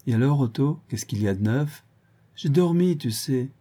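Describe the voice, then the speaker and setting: In an audiobook, a man voices a drunk, middle-aged villain taunting his captive, with a medium-pitched, warm voice pushed upward and lightly acted. His intonation is lively at normal speed, and the character comes across as sneering, jovial, and tipsily mocking.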